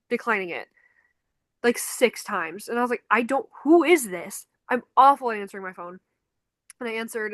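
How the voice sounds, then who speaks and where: On the high side and captured in a dry recording, this young woman speaks with a Chicago accent. She co-hosts a podcast, works as a concert photographer, and tells animated stories in casual chat, acting out the quotes.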